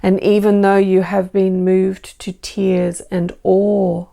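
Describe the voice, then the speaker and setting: An Australian woman speaking as a benevolent spirit entity in a channelled spiritual message, slow and formal with repeated phrases. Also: medium pitch, little pitch movement, gravelly, dark tone. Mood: serene, benevolent.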